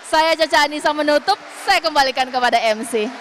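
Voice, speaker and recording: A woman's voice: high-pitched, a little fast, fairly bright tone, a little hiss or hum. A woman in her thirties moderating a formal event, polished and upbeat, speaking into a handheld mic. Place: large hall stage. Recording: long hall reverb.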